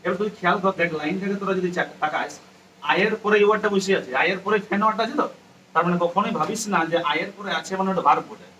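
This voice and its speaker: A man's voice: high voice, racing, pushed and bright. A man, teaching a poem to a class, repeating points and spelling words letter by letter to his students. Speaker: English teacher. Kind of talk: classroom lecture explaining a poem. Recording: distant mic with faint ambient noise.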